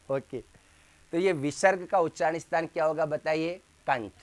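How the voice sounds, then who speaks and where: A man teaching a Hindi grammar class in a slightly raised voice. He speaks slowly and deliberately, sounding out each letter and often asking the class a question before answering it himself. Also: on the high side. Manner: drills sounds slowly, asks and answers his own questions. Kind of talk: classroom lesson.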